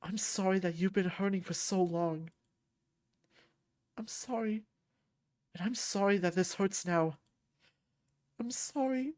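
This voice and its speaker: Soft-spoken male therapist, voiced by a woman, gentle, slow, soothing. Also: mid-range voice, close to an everyday voice.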